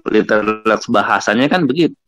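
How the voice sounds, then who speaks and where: A man's voice: fairly low pitch, expressive, fairly quick, a bit bright, dry recording. A man attending an online class as a student, asking the teacher questions politely. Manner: polite, addresses the teacher as Pak.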